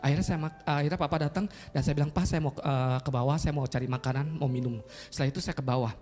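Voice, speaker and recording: A man's voice: a little high, fairly even intonation, quick pace, a little mellow. A middle-aged male pastor giving an emotional sermon testimony, speaking directly to his congregation as he recounts events.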